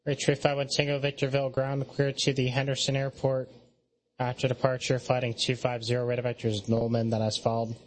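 Guy doing air traffic control radio calls, clipped procedural wording, really monotone. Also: mid-range voice, a little fast, low-quality recording.

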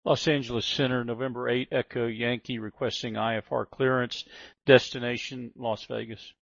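A man speaking as a pilot over a headset radio, making calls to air traffic control and reading back clearances in a relaxed way, with a few hesitant fillers. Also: mid-range voice, normal speed, no echo. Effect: pilot headset radio transmission. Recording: muffled radio audio, dry.

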